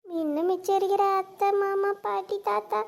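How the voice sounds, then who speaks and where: A frazzled young stall-keeper in a cartoon, voiced by a woman, chatty and always complaining. She has a very high voice and a southern Tamil Nadu accent. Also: steady tone, normal speed, vocal fry. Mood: chatty, grumbling.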